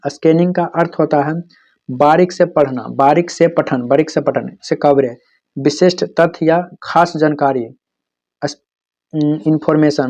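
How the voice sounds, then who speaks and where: In a dull, lo-fi recording, a man teaches exam material in a fairly high voice that stays mellow and soft-edged. He hammers each key term through repetition and answers the questions he puts to the class himself.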